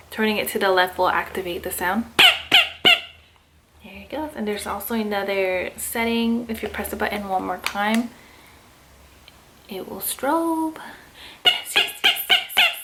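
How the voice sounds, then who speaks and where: A woman with a slight lisp from wearing retainers, chatting casually and excitedly to viewers in an unboxing vlog. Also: medium pitch, very noisy. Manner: informal, excited, addressing viewers as guys. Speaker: vlogger.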